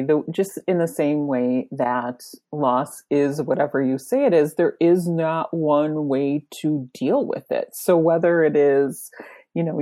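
A woman co-hosting a podcast, speaking calmly and affirmingly in casual chat. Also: deep voice. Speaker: podcast co-host.

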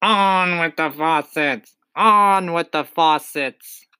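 Storybook cloud man played by a man, commanding, very slow drawn-out calls, bright and extremely clear, raised above natural pitch. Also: no room sound. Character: faraway shouting cloud man barking orders.

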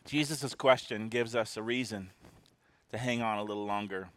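A man's voice: fairly low pitch, moderate pace, fairly bright tone. A man preaching a sermon as a pastor, earnest, often restarting and repeating his words.

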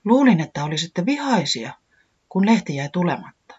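A high, wailing little bunny boy, read aloud by a storyteller, swooping up in a lively way and always close to tears. The sound is dull and lo-fi, like an old storybook tape. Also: husky. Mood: flustered. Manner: wailing, easily weeping. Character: tearful excitable young male bunny.

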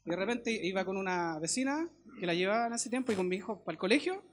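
A middle-aged man with a Chilean accent, preaching a sermon in a conversational way with homely stories and quick questions to his listeners. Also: high voice, animated, a little hiss or hum.

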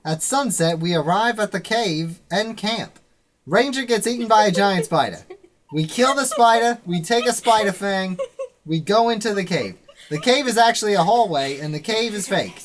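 A player casually reading a recap of the last tabletop session, in a brisk list-like way with joking asides. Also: mid-range voice, animated, a little hiss or hum.

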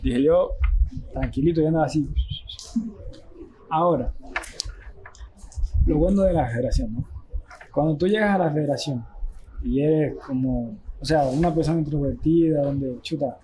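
A man's voice: a little high, moderate pace, pauses often, dark tone. A man telling a story casually, acting out quotes in a raised voice. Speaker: guest telling his boxing story. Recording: noisy background hiss.

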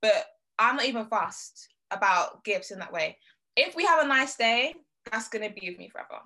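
A woman's voice: a little high, expressive, normal speed, sharp tone, a little hiss or hum. A young British woman chatting casually in a group, emphatic and given to repeating her phrases.

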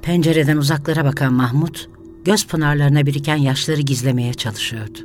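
Narrator for a sad village tale: calm, even delivery, middle pitch, light music bed. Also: fairly quick. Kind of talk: scripted story narration.

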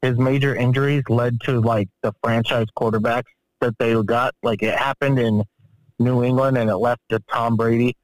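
Man, podcast co-host, mid-pitched voice, dry close sound, lively profane storytelling. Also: normal speed, no echo, rough recording. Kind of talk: casual sports chat.

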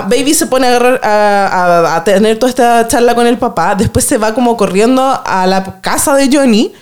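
A Chilean woman hosting a casual podcast chat, retelling a film with animated, laughing asides and acted-out quotes. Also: a little high. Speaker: podcast host.

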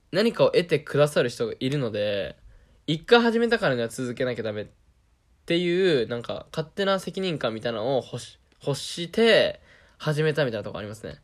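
A young man with a Kansai Japanese accent, talking in a casual, self-deprecating monologue and laughing often. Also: mid-range voice.

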